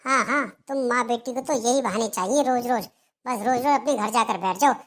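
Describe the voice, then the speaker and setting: A melodramatic older mother-in-law who taunts and wails, as a woman voices her for a cartoon. The voice sits a little high and talks in a scolding, complaining sing-song. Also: fairly quick, natural voice. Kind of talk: Hindi cartoon dialogue.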